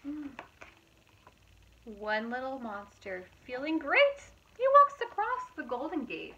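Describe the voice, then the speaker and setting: A preschool teacher in her thirties reads picture books aloud at storytime, animated and expressive, tossing asides to the young children listening. Her voice is high-pitched and she takes it slowly, captured with lo-fi sound.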